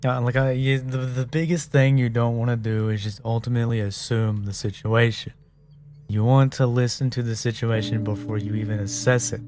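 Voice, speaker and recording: Guy rambling and musing while playing a game, mid pitch. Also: little pitch movement, normal speed, a little mellow. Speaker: gamer. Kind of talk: casual gameplay commentary.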